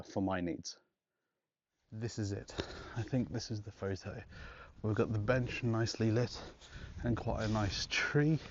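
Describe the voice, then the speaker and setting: Low-voiced man rambling on a walk. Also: highs cut off. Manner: relaxed, rambling with many restarts and laughs. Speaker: vlogger. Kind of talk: casual walking vlog. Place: outdoors on a walk in a park. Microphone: wireless clip-on mic.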